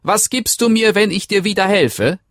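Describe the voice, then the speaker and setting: Squeaky little bargaining dwarf, shrill and sly, storybook style. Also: male voice, lively intonation, moderate pace, a bit bright, no echo, studio quality. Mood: demanding. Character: small mischievous male dwarf, eager to bargain.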